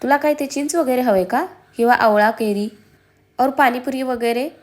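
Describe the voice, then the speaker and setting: Exasperated teasing young husband, read by a woman, higher-pitched storybook voice. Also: normal speed, a little mellow, natural voice. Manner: fond teasing, exasperated outbursts.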